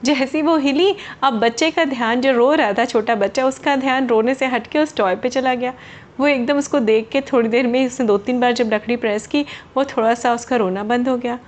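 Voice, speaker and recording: A woman's voice: on the high side, normal speed. A woman telling a story to children, explaining words to her young listeners along the way.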